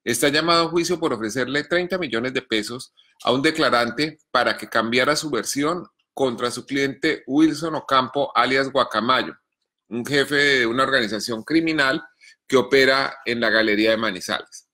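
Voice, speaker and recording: A man, reading his news column in a measured, deliberate way, then answering viewer questions between coughing fits. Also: mid-range voice, pushed and bright. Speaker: journalist columnist.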